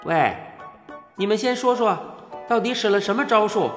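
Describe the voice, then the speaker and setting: A storyteller voicing a rough, teasing snake-bodied giant in slow, gruff banter. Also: medium pitch, lively intonation, roomy sound, big-room sound, soft background music, natural voice. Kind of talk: audiobook character voice.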